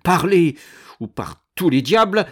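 A man's voice: medium pitch, very animated, measured pace. A man voicing a fierce young chevalier who speaks in a commanding, menacing way, raising his voice above the narration. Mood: urgent. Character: fierce young male chevalier, threatening and impetuous.

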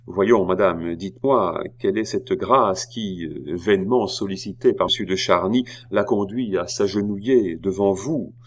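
Stern, suspicious king, deep and pressing, read by a male narrator. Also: unhurried, few pauses. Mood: probing. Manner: probing, coldly insistent. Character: stern suspicious king, middle-aged man.

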